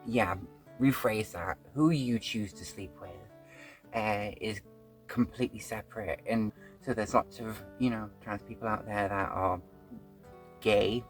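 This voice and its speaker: A woman's voice: very deep voice, unhurried, faint music behind. A woman hosting a casual reaction video, talking frankly with plenty of fillers and restarts. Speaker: host.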